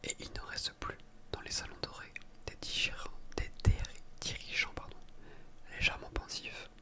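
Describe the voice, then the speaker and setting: A person reading a book aloud for ASMR in a soft library whisper, sometimes stumbling over words and correcting themselves. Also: moderate pace. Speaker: ASMR reader.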